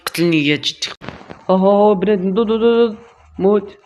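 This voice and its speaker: A man with an Algerian accent giving excitable gameplay commentary, shouting and making gunfire noises with his mouth. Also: high-pitched, a little fast, slight background noise. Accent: Algerian Arabic. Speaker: gaming channel host.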